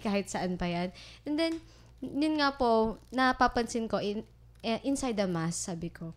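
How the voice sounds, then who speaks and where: A young woman from the Philippines sharing her faith experience politely and hesitantly, mixing in English phrases. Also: mid-range voice. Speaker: guest sharing testimony.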